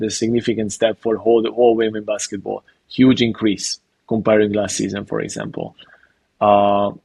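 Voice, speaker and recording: A man with a Hungarian accent, a basketball coach, answering interview questions in a halting way, leaning on "you know" and repeating words as he thinks. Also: fairly low pitch, no room sound.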